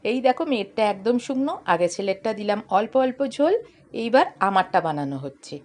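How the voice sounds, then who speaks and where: A middle-aged woman with a hoarse, coughing voice, chatting straight to her viewers in a casual daily vlog. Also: medium pitch, expressive, brisk, a little mellow. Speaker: vlogger.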